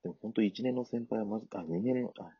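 A man's voice: on the low side, husky, no echo, highs cut off. A man in his mid-thirties co-hosting a casual comedy podcast. He jokes and laughs along as he looks back on old times with his partner. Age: mid-30s. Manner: joking, quick to laugh. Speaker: comedy duo podcast co-host. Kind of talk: casual chat.

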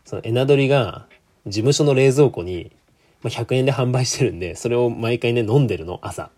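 A man's voice: mid-range voice, a little fast, darkish tone, faint music behind. A young man, telling a work story in a chatty solo monologue full of asides. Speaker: solo podcaster. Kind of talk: casual monologue.

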